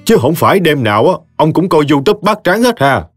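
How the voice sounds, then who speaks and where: A man puts on a fretful old Mekong Delta wife who snaps back at her husband, her voice lively and rising. It is close and dry, with soft music playing beneath. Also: fairly high pitch, brisk, husky, no echo, pitched above the performer's own voice. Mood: bickering. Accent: Mekong Delta Vietnamese. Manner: protesting, bickering.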